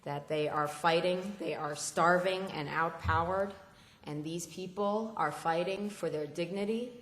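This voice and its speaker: Low-voiced woman speaking in an echoey hall. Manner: impassioned, halting with many fillers. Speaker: speaker at a political assembly. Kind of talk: public speech. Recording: echoey hall, roomy long reverb.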